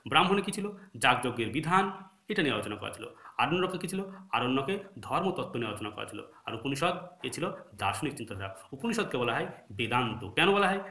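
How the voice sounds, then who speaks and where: A man with a Bengali accent gives a recorded history lesson. He quizzes his students and then answers his own questions, and his pitch swings widely from high to low. The room sounds echoey around him. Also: sharp tone. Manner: asks rhetorical questions and answers them himself; corrects his own slips mid-lesson. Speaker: exam-prep history teacher. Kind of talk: recorded lecture.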